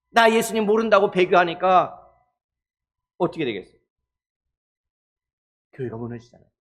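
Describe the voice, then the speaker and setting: A man's voice: high-pitched, a bit bright. A male pastor preaching a sermon, putting questions to the congregation and acting out the pleas of persecuted believers. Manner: asks the congregation questions and acts out voices of the persecuted.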